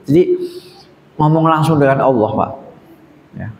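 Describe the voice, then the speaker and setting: A man's voice: on the high side, a little slow, a little mellow. Man preaching in an echoey hall. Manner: conversational, keeps adding "ya" and addressing "Pak". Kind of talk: casual sermon. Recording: roomy hall with long reverb, faint noise.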